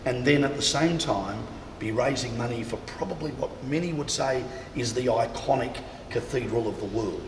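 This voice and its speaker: A male presenter talks directly to the camera in a chatty, promotional style while interviewing in a large cathedral interior. He speaks at normal speed with few pauses in a mid-range voice, and the recording is echoey with long reverb and faint background noise.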